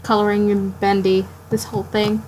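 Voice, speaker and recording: A woman live-streaming her drawing late at night, sleepy and yawning, rambling to herself in halting, self-interrupting talk. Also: mid-range voice, flat delivery, darkish tone, a little hiss or hum, rough recording. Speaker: art streamer.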